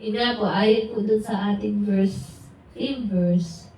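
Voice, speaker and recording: A woman's voice: medium pitch, steady tone, slow pace, a little mellow. A woman giving an informal, conversational sermon at a house church, mixing in English words and acting out what friends say. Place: house church gathering room. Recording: very echoey room, distant mic, faint hiss.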